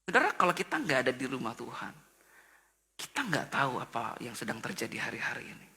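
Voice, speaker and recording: A male pastor giving a sermon at an online church service, telling stories in an animated way and acting out characters with sudden high exclamations. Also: fast talker, vocal fry. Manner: mixes in English phrases.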